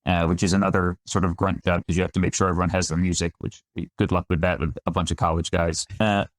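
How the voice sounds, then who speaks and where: Guesting on a podcast, a thirties-aged winemaker from New York's Finger Lakes region talks in a conversational interview, poking fun at himself and restarting often. He speaks quickly in a deep, flat voice, and the recording is dry.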